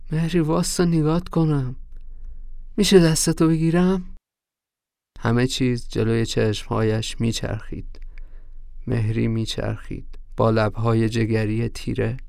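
A man narrating a literary story in a measured, grave manner. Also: on the low side, creaky, darkish tone, no room sound, clean studio sound.

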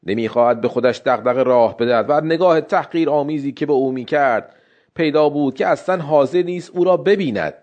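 A man reading a literary story aloud in steady narration. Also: mid-range voice, highs cut off.

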